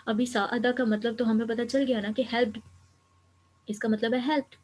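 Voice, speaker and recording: A woman's voice: fairly high pitch, fairly even intonation, a little mellow, rough recording. A woman teaching an Arabic grammar lecture, explaining each step patiently and slipping English terms into her talk.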